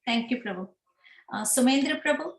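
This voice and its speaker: A woman's voice: high-pitched, expressive, fairly quick, creaky, roomy sound. A woman moderating an online meeting, politely calling on each participant by name in brief phrases. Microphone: video call.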